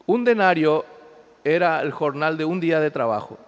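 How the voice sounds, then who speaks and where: A pastor preaching a sermon, reading scripture aloud and explaining it, swinging between loud emphasis and quiet asides. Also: male voice, fairly high pitch, animated, moderate pace, smooth. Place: church. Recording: long hall reverb.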